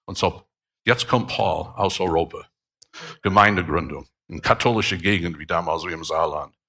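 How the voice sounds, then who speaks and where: Gravelly, bright-voiced male pastor preaching. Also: deep voice, moderate pace. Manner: emphatic preaching with sudden loud rises. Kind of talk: sermon.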